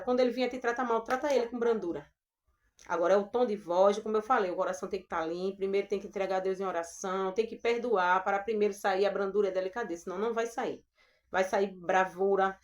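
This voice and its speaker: A woman with a Brazilian Portuguese accent preaches a devotional message in a gentle, earnest way. Her voice sits a little high for a woman. She talks straight to her listeners and calls them sisters. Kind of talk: devotional Bible talk.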